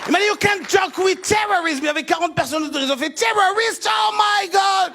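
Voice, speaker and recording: Stand-up comic, high and lively, some crowd noise. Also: male voice, fast talker, music in the background. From Ivory Coast. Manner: animated storytelling, shouting out punchlines and acting out characters. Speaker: stand-up comedian. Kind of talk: stand-up comedy routine. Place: stage before a live audience.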